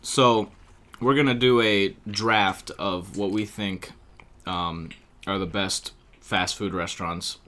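A man's voice: low-pitched, fairly even intonation, takes it slowly, pushed and bright. A man hosting a casual podcast, chatting with rambling fillers while he eats. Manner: rambling, filler-heavy, jokey. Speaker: podcast host. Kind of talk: casual chat while eating.

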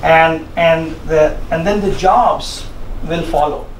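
A middle-aged senior research executive with an Indian accent delivers an encouraging, conversational orientation keynote to students, often checking in with "right?" or "okay?". His voice is fairly high-pitched and slow. It's recorded indoors in a conference room with a distant mic, a roomy sound and noisy ambience.

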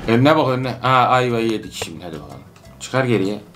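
A man giving excitable casual commentary while coaching his daughter through a video game. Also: medium pitch, fast. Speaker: parent playing with his daughter. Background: game music.

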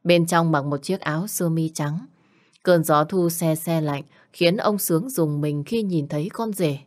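Warm, deep-voiced female storyteller. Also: unhurried. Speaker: audiobook narrator. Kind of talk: dramatic audiobook reading.

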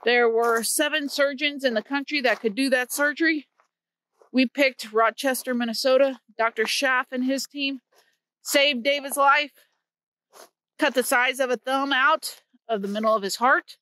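This vlog host, a woman in her fifties from Missouri, USA, strolls through winter woods near a creek telling stories with her phone held out at arm's length. She's chatty and earnest, her voice sitting high, pushed and bright, and a little slow.

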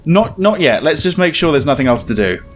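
A man's voice: on the high side, very animated, a little fast, a little hiss or hum. A man giving casual, wry and bemused gameplay commentary. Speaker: game streamer.

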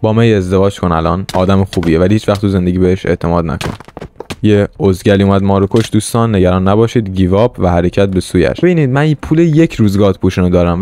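A man's voice: lowish voice, no echo. A young man streaming a Minecraft roleplay server, playing a swaggering gangster and chatting to viewers in between. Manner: swaggering tough-guy banter, swings between loud bravado and quiet asides. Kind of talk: in-character gangster roleplay with commentary.

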